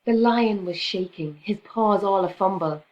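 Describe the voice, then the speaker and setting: A woman reading a rhyming picture book aloud to children in an expressive, sing-song teacher's way. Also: medium pitch, a little slow, dull audio.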